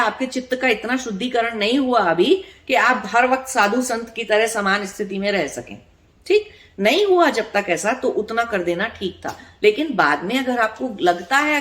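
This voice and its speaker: Woman spiritual teacher, slightly high voice, earnest and explanatory, leans on rhetorical questions. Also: a bit bright. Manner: explanatory, asks rhetorical questions and checks in with the listener; earnest, repeats words for emphasis. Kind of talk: spiritual discourse.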